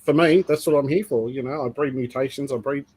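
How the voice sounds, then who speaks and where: A man's voice: medium pitch, a little fast, darkish tone, slightly rough, poor audio. A man co-hosting a reptile livestream, telling stories in a rambling, filler-heavy casual way. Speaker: co-host of a reptile breeding livestream. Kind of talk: casual chat.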